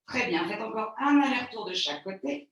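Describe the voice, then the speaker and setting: A woman's voice: fairly high pitch, fairly quick. Woman, pilates teacher, soothing guided cues, distant mic, big echoey room. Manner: calm, soothing, gently reassuring; counts breaths and gives step-by-step cues. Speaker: pilates instructor. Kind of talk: guided exercise class.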